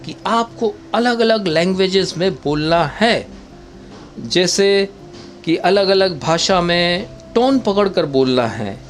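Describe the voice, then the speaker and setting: A man giving viewers step-by-step acting advice in an unhurried, instructive way, often calling them friends. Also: sits high, lively intonation. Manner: demonstrates dialect voices in short quotes. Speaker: travel vlogger giving acting tips.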